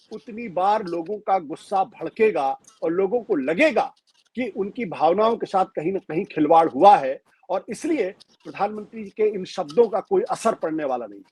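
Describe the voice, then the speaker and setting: A man with a husky, fairly high voice, analyzing politics in an interview. He talks in a measured way, leaning hard on key points and pausing on fillers. The sound is dry and close. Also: darkish tone, no room sound. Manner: measured, emphatic, frequent fillers and restarts. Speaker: political commentator.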